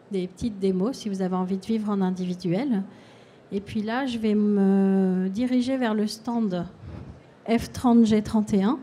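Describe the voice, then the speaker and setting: Calm, warm-voiced French woman hypnotherapist. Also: mid-range voice, a little hiss or hum. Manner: calm, explanatory. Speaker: hypnotherapist giving a talk. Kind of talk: public talk with audience questions.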